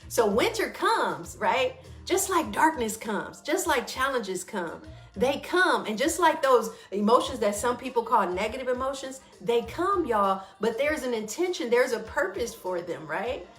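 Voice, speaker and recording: A woman hosting a morning wellness talk, chatty and expressive, calling her listeners y'all and leading a guided breathing exercise. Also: a little high, unhurried, reverberant, soft background music. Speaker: host of a morning wellness show.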